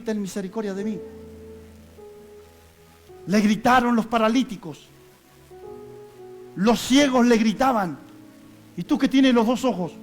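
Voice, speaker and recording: A male pastor giving an impassioned sermon, rising to loud cries and dropping to hushed pleading. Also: extremely high pitch.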